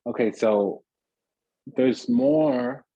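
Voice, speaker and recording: A man with a dark, mellow, husky voice gives a casual, rambling tarot reading. He strings ideas together in long lists and drops the odd blunt curse. The sound is dry and a little muffled, like a simple home setup. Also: mid-range voice, wildly swooping pitch, extremely slow, no echo. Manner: rambling, repeats phrases in lists, asks "does that make sense?". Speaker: tarot reader.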